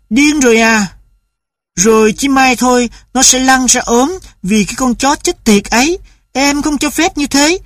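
A man's voice: very high-pitched, no room sound, clean studio sound, voice pushed up. A man voicing a stern, impatient mother who scolds her husband and son.

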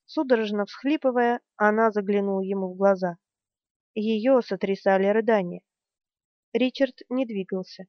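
A woman narrating a fantasy audiobook in a measured, dramatic reading. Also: medium pitch, dry recording. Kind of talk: scripted narration. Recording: dry, slightly dull studio sound.

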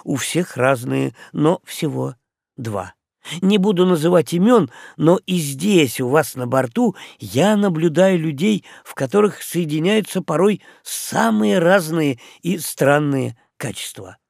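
A man doing a calm, odd young ship's boy. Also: on the high side, unhurried, gravelly, dry recording, clean studio sound, full character voice. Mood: matter-of-fact.

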